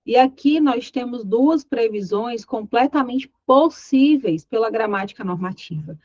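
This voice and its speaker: A woman's voice: fairly high pitch, lively intonation, measured pace, a little mellow, dry recording, dull audio. A woman with a Brazilian Portuguese accent teaching an exam-prep grammar lesson, explaining step by step and often checking in with her students. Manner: voices imagined student questions.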